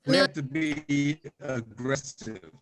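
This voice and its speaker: A man's voice: mid-range voice, slow pace, fairly bright tone. A man speaking up at a public forum on a buzzy, glitchy call line that keeps cutting out, earnest and insistent. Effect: buzzy, glitchy call audio that cuts out. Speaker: forum participant. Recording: remote call audio, distant and breaking up.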